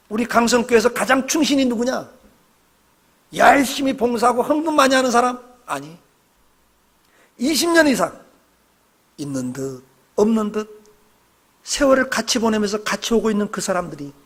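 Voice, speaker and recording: A man's voice: high-pitched, animated, moderate pace, pauses often. A middle-aged male pastor preaching a sermon in a church, emphatic and exhorting, calling on the congregation to respond. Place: church sanctuary.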